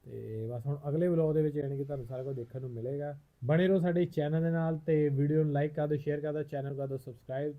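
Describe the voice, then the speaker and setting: A man's voice: a little high, fairly even intonation, fast talker. A man with an Indian Punjabi accent speaking casually to viewers as a vlog host. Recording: thin, narrow phone-like sound.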